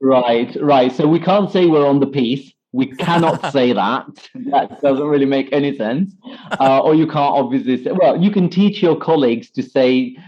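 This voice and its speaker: A man, an English teacher, patiently explaining example phrases in an interview, with lively emphasis on each one. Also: mid-range voice, normal speed. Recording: slightly dull lo-fi sound.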